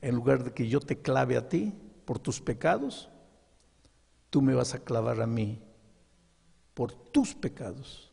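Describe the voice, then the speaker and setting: A man voicing Jesus as calm and patient, speaking gently and deliberately in a sermon. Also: mid-range voice, vocal fry, husky, heavily acted. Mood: gentle. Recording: long echo of a large hall.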